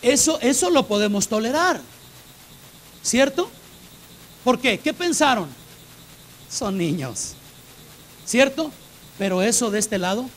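A man's voice: very high-pitched, lively intonation, slow pace, long pauses, fairly bright tone, slight background noise. A man preaching a sermon to a church congregation, repeating phrases for emphasis and asking the listeners direct questions. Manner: emphatic, repeats phrases to drive points home.

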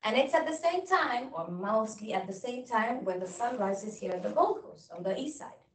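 A woman from Chile, a native Spanish speaker in her thirties, gives a guest lecture over a video call, often pausing on fillers and restarting sentences. Her voice sits a little high and sounds set back from the laptop mic. The room around her is echoey. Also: lively intonation, distant mic. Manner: hesitant with many fillers and apologetic restarts. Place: indoor room. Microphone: laptop microphone on video call.

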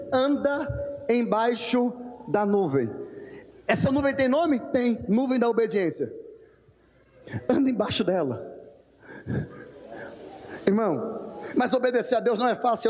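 A man with a Brazilian Portuguese accent preaching a sermon in church, with impassioned, shouted repetitive refrains. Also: very high voice, expressive, moderate pace, pauses often.

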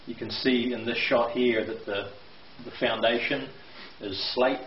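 Steady and measured, with a mid-range voice, a middle-aged man walks viewers through a house under renovation as its contractor, stumbling through construction details with plenty of fillers. The handheld camera mic in the bare brick basement yields echoey, dull lo-fi sound with a slight hiss.

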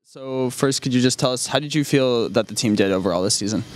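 A teenage boy hosts a school sports show with upbeat, scripted introductions. He speaks into a handheld mic indoors. A clear hiss of room noise sits under his voice. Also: mid-range voice, fast talker. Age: teens. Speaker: student show host. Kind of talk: school news interview.

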